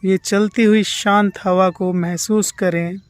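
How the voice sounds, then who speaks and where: An Indian yoga nidra instructor leads a guided relaxation meditation, calm and soothing, drawing out instructions and leaving pauses. The voice is mid-range and the recording is dry.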